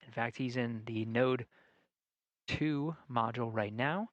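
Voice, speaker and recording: Male space mission commentator, medium pitch, formal explanatory live delivery, very dry recording. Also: unhurried, dry recording, dull audio.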